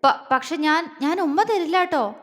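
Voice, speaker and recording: A woman's voice: high-pitched, measured pace, in a large hall, pitched above the performer's own voice. Woman voicing a flustered stammering young woman. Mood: coy.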